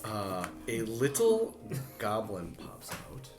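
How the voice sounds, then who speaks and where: A man playing a tabletop game who describes his character haltingly, with pauses and fillers. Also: lowish voice, huge pitch swings. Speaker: player. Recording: echoey room with music behind.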